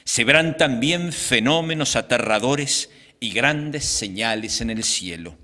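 Slow, bright-voiced priest in his sixties. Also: medium pitch, expressive. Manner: slow, deliberate liturgical delivery. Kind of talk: reading the Gospel and preaching at Mass. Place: small chapel, indoors. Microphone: microphone on a stand in front of him. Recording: reverberant chapel sound.

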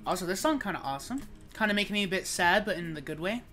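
A woman's voice: mid-range voice, expressive, fast talker, a bit bright. Brief: woman let's-play streamer, slangy and profane, chatting to chat over faint background music. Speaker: gaming streamer. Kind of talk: casual let's-play commentary. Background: game music.

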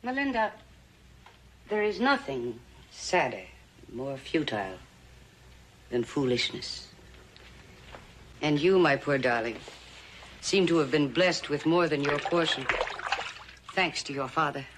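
A woman's voice: low-pitched, big pitch swings, slow pace, long pauses, a bit bright, slight background noise, exaggerated voice, low-quality recording. An actress playing a middle-aged genteel mother in a TV western, coaxing and pushy as she steers her daughter. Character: ambitious genteel mother, controlling and weary. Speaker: scheming mother. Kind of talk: 1960s TV western acting.

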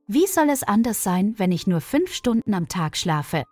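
A woman's voice: medium pitch, very animated, normal speed, a little mellow, no echo, faint music behind. A woman voicing a tired, worn-out male surgeon arguing with his wife. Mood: pleading. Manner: pleading, worn-out.

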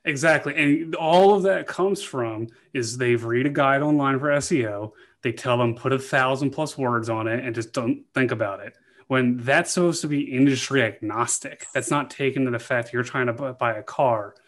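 A man in his thirties, with a voice of average pitch, hosts a casual conversation with lively emphasis and quick asides. He speaks close to a studio microphone on a boom arm. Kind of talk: casual video-call interview.

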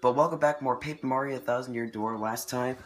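Brisk and steady, with a medium-pitched voice, a let's play host fighting a cold and losing his voice chats away as he plays and comments on a video game. Recorded on camera in an indoor room with a TV, he keeps correcting himself and reacting to the action while game music plays.

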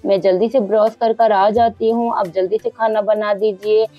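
A woman's voice: mid-range voice, flat delivery, moderate pace, highs cut off, soft background music, pitched below the performer's own voice, natural voice. A woman voicing an eager little girl who pleads urgently, in a doll story. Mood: pleading.

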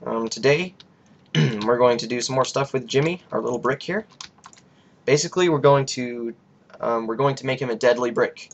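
A young man with a raspy voice hosting a casual coding tutorial, rambling and hesitant with many fillers. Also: mid-range voice, normal speed, muffled recording. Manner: rambling, hesitant, lots of ums. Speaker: scripting tutorial host.

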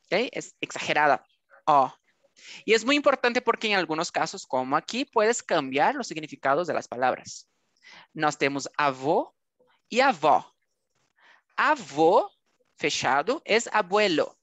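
Brazilian woman language teacher, lower voice, dry close recording, drawn-out patient sound demonstrations. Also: sing-song, a bit bright, no room sound. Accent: Brazilian Portuguese. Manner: slow, drawn-out letter-by-letter demonstrations with frequent checking "Ok?". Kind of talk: online language lesson.

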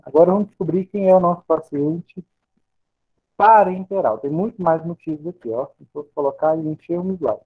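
Man, Brazilian Portuguese accent, recorded lecture, fairly high voice, thin phone-like sound. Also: normal speed, slightly rough. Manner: explanatory, asks and answers his own questions. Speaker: pharmacy lecturer. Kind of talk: recorded lecture over slides. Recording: tinny phone-like audio.

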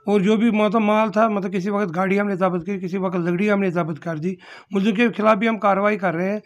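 A man's voice: high-pitched, fairly even intonation, brisk. A middle-aged man, a forest official, answering interview questions in his office into a handheld mic, hesitant and defensive with many fillers. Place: indoor office. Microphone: handheld mic held in front.

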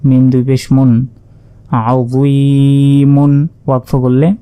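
A man teaching word-by-word Quran reading, spelling out each letter and vowel mark before slowly joining them into the recited word. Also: mid-range voice, fairly even intonation, mellow. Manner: slow, drawn-out recitation of joined words.

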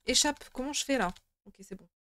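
A woman's voice: high-pitched, fairly quick, pushed and bright, no echo. A young woman streaming a horror game with casual commentary, jumpy and grumbling to herself as she plays, swearing freely. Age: young adult. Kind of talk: casual let's play commentary. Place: indoor room at home. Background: game music and rain sounds.

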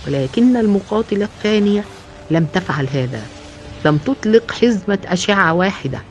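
A woman narrating a science fiction audio novel in a steady, dramatic reading style. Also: mid-range voice, brisk, slight background noise. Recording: dull lo-fi with background music.

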